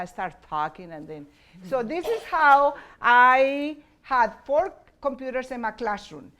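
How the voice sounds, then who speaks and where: A woman's voice: mid-range voice, fairly bright tone. A woman teacher presenting at a conference. She explains her classroom activities step by step and switches between English and Spanish.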